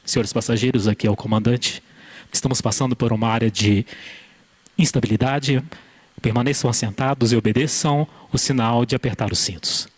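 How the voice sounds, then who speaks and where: A man putting on a calm male airline captain making a formal cabin announcement to passengers. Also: medium pitch, a little fast, breathy edge, voice pushed down, lightly acted. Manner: steady, reassuring, formal announcement. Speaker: preacher.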